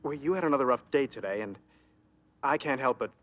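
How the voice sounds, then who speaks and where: A man's voice: mid-range voice, fairly quick, a bit bright, natural voice. An actor playing a timid, devoted young man in a TV comedy sketch, earnest and apologetic. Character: meek, devoted young man courting a woman.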